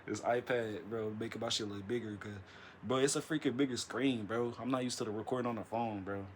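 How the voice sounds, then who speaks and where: A man vlogging late at night in a dark room, talking into an iPad's built-in mic. He rambles, stammers and restarts, and says "bro" constantly. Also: mid-range voice, steady tone, fast talker, slight background noise. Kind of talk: casual late-night monologue. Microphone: iPad built-in mic.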